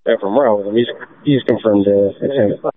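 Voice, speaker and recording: A man's voice: lowish voice, moderate pace. A male police officer calling in over a two-way radio, clipped and procedural with small hesitations. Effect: talking over a two-way police radio. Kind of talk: radio dispatch traffic. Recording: tinny, dry two-way radio transmission.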